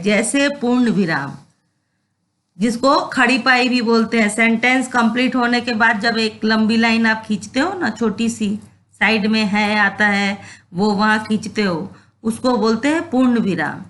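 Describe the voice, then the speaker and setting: A woman's voice: on the high side, a little slow, fairly bright tone. A woman teacher giving a patient classroom lesson, repeating points, checking that students follow and mixing in English words. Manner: mixes English words into Hindi. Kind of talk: classroom lesson on Hindi grammar.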